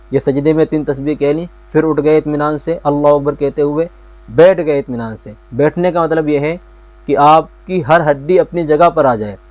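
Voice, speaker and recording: A man teaching as a mufti, giving a patient step-by-step religious lesson and reciting prayer phrases slowly and with care. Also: on the high side, a little mellow, no room sound. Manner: patient, repeats key points, recites Arabic phrases slowly.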